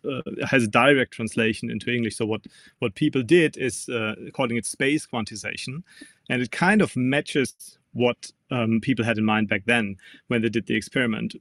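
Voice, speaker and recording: A man's voice: medium pitch, moderate pace, a bit bright, dry recording, studio quality. A man with a German accent, a physics professor, explaining carefully as an interview guest with frequent ums.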